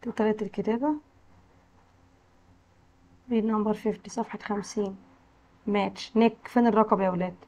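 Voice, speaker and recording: A woman with an Egyptian accent teaching English to young children, slowly modelling words and letter sounds. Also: mid-range voice, fairly even intonation, a little mellow. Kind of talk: classroom lesson explanation.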